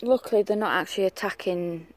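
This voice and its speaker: A garden vlogger films the plants on a handheld camera while chatting casually outside in a home vegetable garden. Speaking slowly and hesitantly with plenty of ums, the vlogger has a mid-range voice, and there's no room sound.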